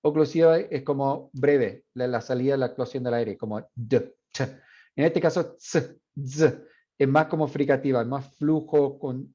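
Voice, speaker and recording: A man's voice: medium pitch, dark tone. A man teaching a university phonetics class, explaining step by step, asking the class questions and modeling sounds. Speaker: university Spanish professor. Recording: dull lo-fi classroom recording.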